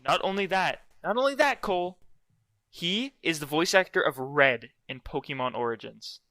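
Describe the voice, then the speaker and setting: A man co-hosting a casual podcast, talking in an excited, joking way and reeling off trivia. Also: on the high side, normal speed, no echo. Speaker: podcast co-host. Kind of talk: casual chat.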